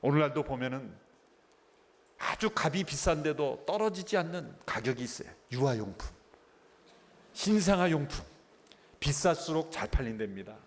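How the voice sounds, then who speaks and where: Korean man preaching with sweeping hushed drama. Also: a little high, normal speed, long pauses, big-room sound. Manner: animated, dramatic swings between loud emphasis and hushed near-whisper; rhetorical questions to the congregation. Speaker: pastor. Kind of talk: sermon.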